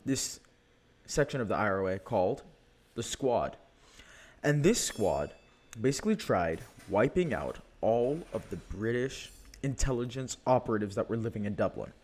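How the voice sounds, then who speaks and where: A young American man hosts a history podcast, talking casually as if chatting with friends. His pitch is in an ordinary middle range but moves around a lot as he tells the story, and he leans on fillers to keep things loose and conversational.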